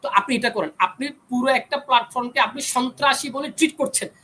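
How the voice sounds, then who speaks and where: A man's voice: extremely high pitch, fast talker, sharp tone, poor audio. A young man speaking as a guest on a discussion panel, arguing his side insistently and refusing to be cut off. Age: young adult. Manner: insistent, argumentative, pushes back when cut off. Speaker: panel guest, engineering student. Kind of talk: heated panel debate.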